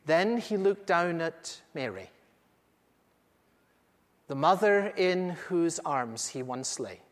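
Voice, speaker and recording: Male actor as an aged apostle eyewitness, slightly high voice, earnest storytelling, reverberant hall. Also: animated, takes it slowly. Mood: solemn. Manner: earnest, intimate storyteller with dramatic swells. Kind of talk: first-person dramatic monologue. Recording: echoey hall with long reverb.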